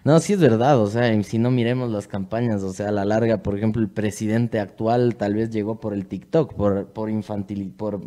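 A man's voice: lowish voice, fairly even intonation, moderate pace, hardly any pauses, mellow. A man with an Ecuadorian Spanish accent co-hosting a podcast, reading numbered points and then commenting loosely. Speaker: podcast co-host. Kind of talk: casual discussion, reading points aloud.

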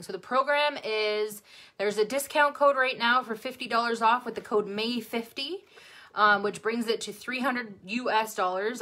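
A woman tutoring nursing exam students on a live stream, bubbly and excitable, chatting and answering viewers' comments. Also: on the high side. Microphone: phone or webcam, livestream.

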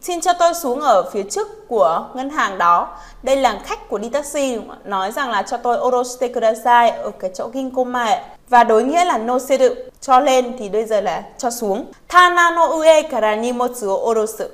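Female teacher, a little high, reads examples slowly, then explains them and checks in with learners. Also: expressive. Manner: often asks "right?" to check in with learners. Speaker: Japanese teacher. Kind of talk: vocabulary lesson.

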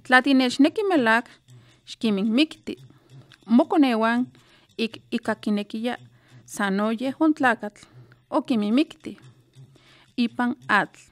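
A woman from Guerrero, Mexico, telling a traditional folk tale in a slow, measured, soft-spoken way. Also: a little high, no room sound. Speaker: writer and storyteller.

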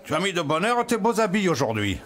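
A hot-tempered, excitable innkeeper from a storybook reading, speaking high and strained, pleading and shocked by turns, as a male narrator puts him on. His voice sits far above the reader's own deep tone. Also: fast. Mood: insistent.

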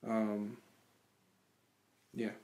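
Man born in Cuba, thirties, reflective guest, halting speech with restarts, webcam call from a home room. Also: fairly low pitch, monotone, warm tone. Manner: thoughtful, halting, many restarts and fillers. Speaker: guest musician. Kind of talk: reflective interview answers. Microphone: webcam on video call.

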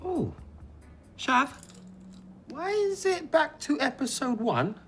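Exasperated flatmate, dry needling retorts, slow drawl, bouncy up and down. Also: female voice, high-pitched, over loud music, heavily acted. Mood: teasing. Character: exasperated young woman flatmate, teasing. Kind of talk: TV comedy-drama acting.

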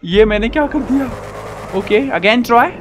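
A man giving excited live commentary on a racing game, shouting at the game and joking with his viewers. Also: extremely high pitch, measured pace, noisy background. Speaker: gaming YouTuber.

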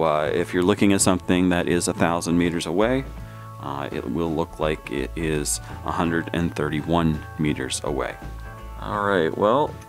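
Guy, really low voice, lots of uh's while unboxing stuff, faint music under it. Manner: halting, many uh fillers, plainspoken. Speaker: product reviewer. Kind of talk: casual unboxing review. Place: indoors at a table.

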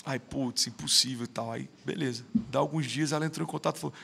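A man's voice: mid-range voice, fairly even intonation, fast talker, creaky, sharp tone, slight background noise. A man in his thirties with a Brazilian Portuguese accent, a podcast guest telling stories in a slangy, emphatic casual chat. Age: 30s. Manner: slangy, emphatic, keeps saying "mano".

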